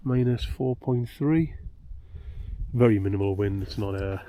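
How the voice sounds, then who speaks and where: A man's voice: lowish voice, a little slow, dark tone. A man chatting casually to camera as a solo camping vlogger outdoors, often half muttering to himself as he works. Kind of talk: casual outdoor vlog chat. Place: outdoors on a freezing hilltop at night. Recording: noisy outdoor handheld camera recording.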